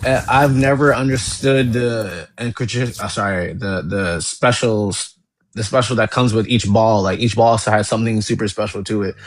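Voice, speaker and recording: Guy rambling excitedly in a casual chat, laughs a lot, dry close sound. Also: fairly low pitch, normal speed, no room sound. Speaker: guest.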